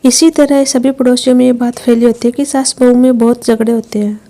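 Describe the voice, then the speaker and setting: A woman narrates an animated story in a scripted, even way. Her voice is somewhat high but warm and mellow. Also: brisk.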